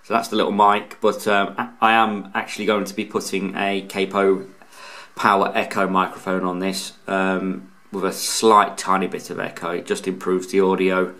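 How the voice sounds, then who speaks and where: Talking informally through a hands-on review, a radio hobbyist channel host explains as he goes and hesitates at times. He sits off camera indoors by a tabletop radio. His low voice has a flat delivery, a sharp tone and a normal speed.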